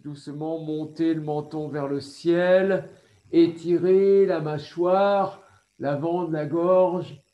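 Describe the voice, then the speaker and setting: A man with a French accent leading a yoga class over a video call, giving slow, calm instructions with breathing cues. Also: on the high side, dull audio. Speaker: yoga teacher.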